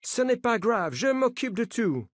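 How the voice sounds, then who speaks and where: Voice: mid-range voice, big pitch swings, unhurried, dry recording, clean studio sound, pitched above the performer's own voice. A reader voicing an adult male sports coach with an American accent, insistent and reassuring.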